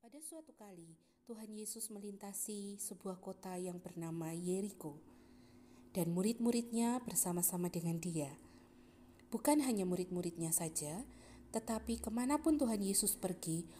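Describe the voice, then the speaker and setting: A woman narrating a Bible story for children in a lively, expressive way. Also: medium pitch, slight background noise.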